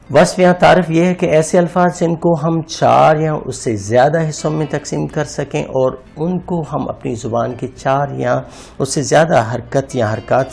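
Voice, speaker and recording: A man with a medium-pitched, darkish voice and some vocal fry explains an English grammar lesson over slides. He treats his viewers like friends, patiently repeating words and breaking them into syllables.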